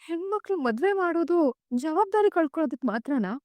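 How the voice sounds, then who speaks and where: A pleading young daughter, high voice, dry close sound, TV serial drama. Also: female voice, animated, a little fast, a little mellow, no room sound. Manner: pleading and emotional. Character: young adult daughter, betrayed, clinging to her parents' love. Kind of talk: TV serial acting.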